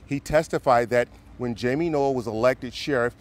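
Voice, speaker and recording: A male television news reporter with an American accent delivers a live report. His delivery is conversational and a little halting, as if he is putting the account together while he speaks. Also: medium pitch. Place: courthouse, live on location.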